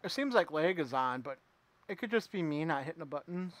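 A man streaming himself playing a retro game, chatting with viewers and reacting out loud as he plays. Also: on the high side, lively intonation, fairly quick. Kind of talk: casual live gameplay commentary.

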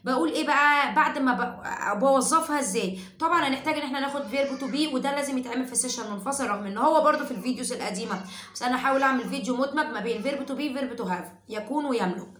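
High-voiced Egyptian woman teaching in an echoey room. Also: very fast, a bit bright. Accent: Egyptian Arabic. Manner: chatty, sings short chanted drills. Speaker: English teacher. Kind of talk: explaining and singing a lesson for parents.

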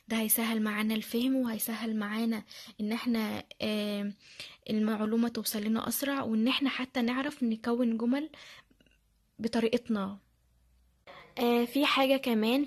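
A woman with an Egyptian accent walking viewers through how she studies, chatty and full of fillers. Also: a little high. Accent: Egyptian Arabic. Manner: chatty, repeats phrases, many fillers. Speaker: language learner sharing study tips. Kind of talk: casual screen-share tutorial.

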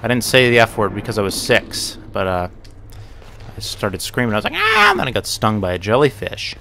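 In this let's play commentary, a young gaming channel host talks through a horror game in a lowish voice, a little fast, with background noise behind him. He rambles and mutters, swearing along the way. When something jumps out at him, he yelps and curses.

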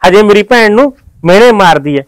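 A man acts out a farmer husband with a Malwai Punjabi accent, reproaching his wife. His voice sits high and the sound is dry and close. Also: expressive, fairly quick, no echo, low-quality recording. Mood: reproachful. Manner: pleading, reproachful. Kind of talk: village comedy drama acting.

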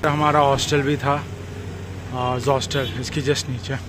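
A young travel vlogger films a casual vlog outdoors on a hill-town's rooftop and streets, holding his phone at arm's length. He chats in an upbeat way, mixing Hindi with English phrases. His mid-range voice is unhurried with little pitch movement, against a noisy background.

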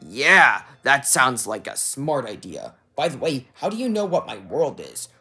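A fan plays a jumpy masked knight who yelps and stammers when startled, his bright voice leaping wildly in pitch with a breathy edge. It's a homemade fan cartoon. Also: very animated, unhurried, faint music behind, full character voice. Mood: curious.

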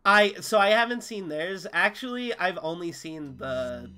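A male streamer chatting casually while playing a horror game, swearing freely, laughing often, swinging between mutters and loud outbursts. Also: high-pitched, lively intonation, measured pace. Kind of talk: casual gaming chat.

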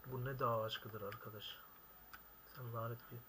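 A young man commenting on his own gameplay, exasperated and complaining loudly at the game. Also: medium pitch, level tone, normal speed. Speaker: gamer. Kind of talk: frustrated gaming commentary. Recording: keyboard clicks and noise behind. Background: keyboard typing.

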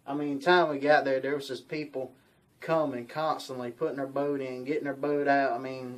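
Vlog host: young man, slightly higher voice, folksy and repetitive, talking to camera. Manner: rambling, folksy, repeats himself. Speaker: outdoors channel host. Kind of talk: casual vlog talk to camera. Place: small bedroom indoors.

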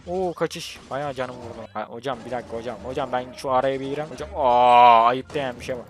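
A man from Turkey giving casual, jokey commentary on a mobile game, talking excitedly to the game and his teammates. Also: medium pitch, fairly quick. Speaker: mobile gaming youtuber. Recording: voice over loud game music.

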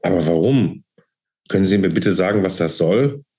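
Fields: Figure: frightened young woman under arrest read by a man. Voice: low, warm. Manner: anxious, defiant. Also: animated, normal speed. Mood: desperate. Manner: anxious, pleading, then hissing defiance.

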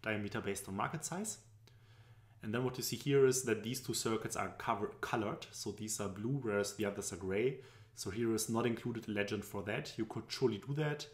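A young German man with a German accent and a lowish, brisk voice narrates a screen-recorded tutorial explaining business presentation charts. He speaks loosely with frequent fillers, recording on a webcam at his desk in an indoor room at home, where the sound is echoey.

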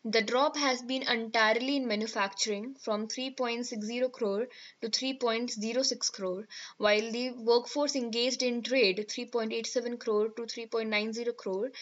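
A woman with an Indian English accent reads a newspaper article aloud for exam students, then explains it. Her voice sits fairly high. The audio is slightly dull and lo-fi. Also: fairly even intonation, moderate pace. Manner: reads steadily, with fillers and self-corrections. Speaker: teacher.

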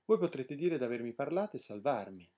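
A man voicing an anxious young prince who pleads humbly in a storybook reading, with a husky voice. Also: mid-range voice, very animated, fairly quick, dark tone. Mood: pleading. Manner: humble, apologetic.

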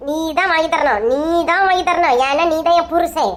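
A woman's voice: extremely high pitch, brisk. A woman playing a greedy young wife with a Kanyakumari Tamil accent, whining insistently for groceries. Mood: whiny insistent. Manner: whiny, insistent. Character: greedy childish young wife demanding treats.

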